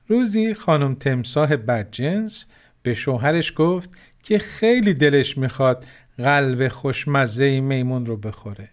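A man narrating a children's story, gently addressing the children who listen. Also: mid-range voice. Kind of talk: scripted narration.

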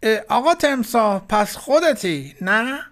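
A man doing a sly squeaky monkey. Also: animated, fairly bright tone. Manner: sly, playful. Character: clever cautious male monkey. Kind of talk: children's storybook voice.

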